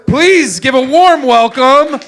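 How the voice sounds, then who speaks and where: A man's voice: extremely high pitch, takes it slowly, a bit bright. A man hosting an open mic comedy night, loosely explaining the rules and bringing up the next comic. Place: small live comedy venue.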